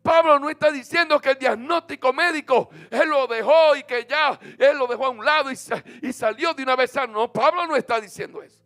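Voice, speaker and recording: A man with a Dominican accent, a pastor preaching a sermon to his congregation. He calls on them to repeat phrases back to him and breaks into sung, shouted lines. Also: very high voice, brisk. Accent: Dominican Spanish. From Dominican Republic. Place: church.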